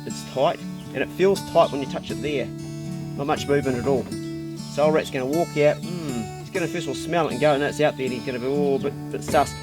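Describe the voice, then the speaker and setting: A man with a broad New Zealand accent, vlogging casually and thinking aloud in a blokey, sweary, colloquial way. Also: on the high side. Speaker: outdoor vlogger. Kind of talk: casual vlog, thinking aloud while demonstrating.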